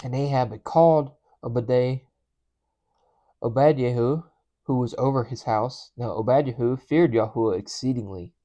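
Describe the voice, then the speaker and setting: A man's voice: mid-range voice, normal speed, dark tone, muffled recording. A man reading scripture aloud in an earnest way, sometimes stumbling and restarting on names. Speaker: scripture reader.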